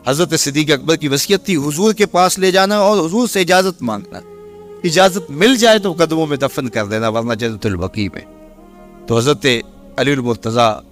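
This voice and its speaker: A man preaching a religious sermon with a Pakistani Urdu accent, impassioned and rising to high emphatic peaks. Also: a bit bright.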